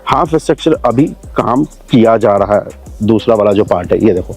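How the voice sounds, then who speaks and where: Over soft background music, a man with a lowish, slightly mellow, breathy voice gives animated commentary at a moderate pace. He's a travel and real estate vlogger driving a new expressway and stopping at a building site, casually explaining things to viewers he calls brother and friends.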